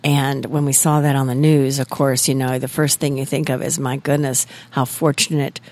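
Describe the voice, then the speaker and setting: A hoarse, croaky woman co-hosting a casual podcast chat, talking easily and laughing often. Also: extremely low pitch, level tone, moderate pace, a little mellow. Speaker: co-host.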